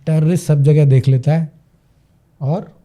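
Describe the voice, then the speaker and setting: A man's voice: on the high side, steady tone, a little slow, mellow. A man, a podcast guest telling a story dramatically and repeating lines for emphasis. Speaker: podcast guest, parenting coach.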